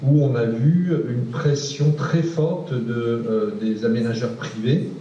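A man's voice: medium pitch, steady tone, slow, dark tone, a little hiss or hum. Hesitant man speaking in an echoey room. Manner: hesitant, many fillers and repeated words. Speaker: researcher. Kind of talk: panel discussion answer. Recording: distant, echoey, dull room recording.

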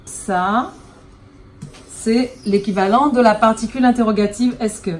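A woman's voice: fairly high pitch, unhurried. A woman teaching a French class, patient, and checking in with her students often. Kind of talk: classroom lesson. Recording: roomy classroom recorded from a distance.

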